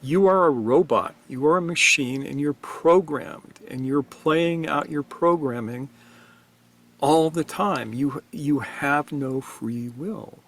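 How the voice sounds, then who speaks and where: A man co-hosting a spiritual talk show, explaining ideas in a measured, emphatic way. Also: on the high side, a bit bright. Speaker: podcast co-host teaching on Gurdjieff. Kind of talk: reflective spiritual discussion.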